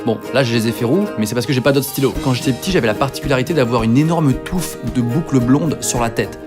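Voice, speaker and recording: This comic autobiographical voice-over comes from a northern French video creator in his twenties who mocks himself as he tells his story. He speaks quickly in a mid-range voice, and music runs underneath.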